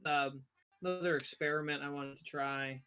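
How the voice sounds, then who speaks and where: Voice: medium pitch, steady tone, moderate pace, sharp tone, smooth. A player in a tabletop game, carefully explaining how a spell works. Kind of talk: casual tabletop game chat.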